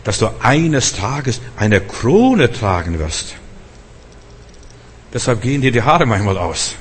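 A man's voice: medium pitch, sing-song, slow pace, a little hiss or hum. A middle-aged man preaching a sermon, pressing his listeners with repeated urgent questions.

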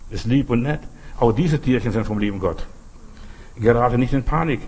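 In a freely delivered sermon, a man addresses the listener head-on with brief, repeated appeals, short imperatives, and anecdotes, all in a folksy, exhorting manner. His mid-range voice moves at normal speed, a little mellow with a breathy edge.

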